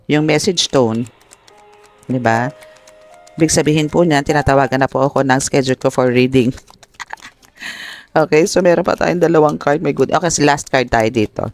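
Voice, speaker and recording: Gravelly-voiced man giving a tarot reading. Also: medium pitch, dry recording. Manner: polite, addresses viewers with respectful terms; mixes English phrases into speech. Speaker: tarot reader. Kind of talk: tarot reading talk to viewers.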